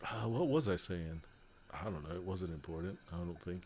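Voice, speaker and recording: A man's voice: low-pitched, lively intonation, moderate pace, background noise. A man co-hosting a casual chat about board games, joking and laughing often, trailing off mid-thought. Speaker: co-host, board game designer.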